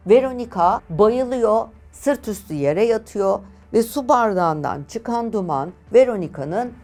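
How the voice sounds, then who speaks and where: A woman hosting and telling a paranormal true-crime story, with an expressive, dramatic delivery. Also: medium pitch. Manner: lively, expressive retelling with dramatic pauses. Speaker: journalist and storyteller host.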